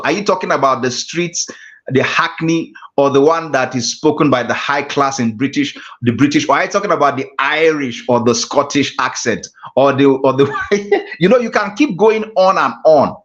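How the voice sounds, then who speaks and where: A guest speaking coach with a Nigerian accent leads a public-speaking class in a measured way, circling back to repeat his key phrases. His voice sits a touch high, and the audio is muffled and lo-fi.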